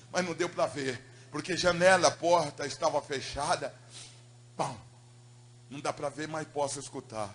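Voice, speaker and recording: A man giving an emotional preaching testimony, telling his story dramatically and moving between loud swells and hushed tones. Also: medium pitch, a little hiss or hum.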